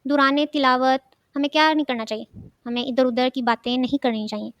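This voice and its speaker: A woman's voice: high voice, steady tone, dry recording. A woman teaching a children's religious studies lesson, asking questions and then answering them herself, often repeating key words.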